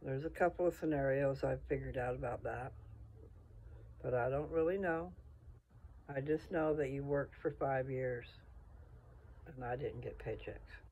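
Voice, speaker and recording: A man's voice: medium pitch, unhurried, long pauses, darkish tone, husky, rough recording. A man talking in a casual, folksy, rambling way, thinking aloud as if to someone he knows. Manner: folksy, informal, thinking aloud with trailing asides.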